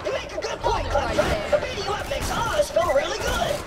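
An actor voicing Claptrap, a small chatty male robot who argues with himself in a squeaky, robotic voice, heard in video game dialogue. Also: sing-song, a little fast, distant mic, a crowd in the background. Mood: whiny, eager. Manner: talks to himself, whiny and eager. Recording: game audio, loud music and battle noise.

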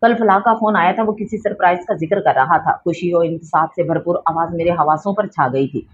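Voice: mid-range voice, lo-fi sound, slight background noise. A narrator reading a family novel aloud, voicing every family member's dialogue. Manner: reads all family members' dialogue in one voice. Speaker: audiobook narrator.

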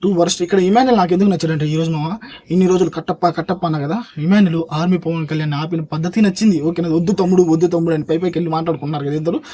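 A man's voice: fairly high pitch, rapid-fire, mellow. A man reviewing a reality show in casual, opinionated talk, emphatic and speaking straight to his viewers. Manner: emphatic, talks straight to viewers, keeps asking "okay?".

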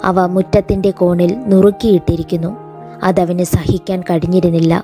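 Mellow woman reading a folk tale aloud. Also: fairly low pitch, flat delivery, faint music behind. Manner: measured storytelling read-aloud. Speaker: teacher.

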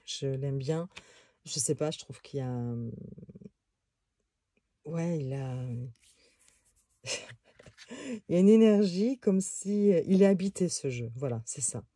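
A woman's voice: sits low, slow, long pauses, dark tone, no echo. A woman casually reviewing a tarot deck on video, talking in a hesitant way with many fillers and restarts.

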